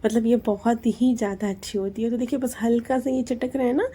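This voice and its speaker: A woman's voice: on the high side, steady tone, fairly quick, warm tone, husky. Chatty woman narrating her home routine. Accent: Hindi. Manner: chatty, explains step by step with many fillers. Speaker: homemaker vlogger. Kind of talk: casual voice-over narration of daily routine.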